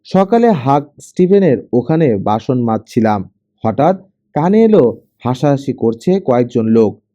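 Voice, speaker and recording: A man's voice: mid-range voice, very animated, unhurried, warm tone, no echo. A man voicing a poor, proud teenage fisher boy in an audiobook, speaking plainly and earnestly. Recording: dull lo-fi audio.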